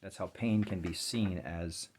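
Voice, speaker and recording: A man giving a slow, reflective spiritual talk on meditation, sometimes dropping to a near-whisper. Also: low-pitched, darkish tone, slight background noise. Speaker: spiritual teacher.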